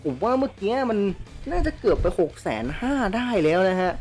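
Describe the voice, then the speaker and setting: A man hosts his gaming channel with live commentary of his play. He is excitable and crude, yelling at the characters on screen as they fight. Faint game music plays beneath his voice. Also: high voice, brisk.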